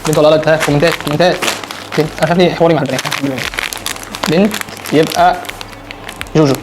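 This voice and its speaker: An excitable man with an Egyptian Arabic accent rattles through a snack unboxing challenge at a fast clip. He repeats words in quick bursts. Wrappers crinkle and click clearly behind him. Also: on the high side, background noise. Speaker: food challenge vlogger. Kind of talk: casual unboxing challenge chat.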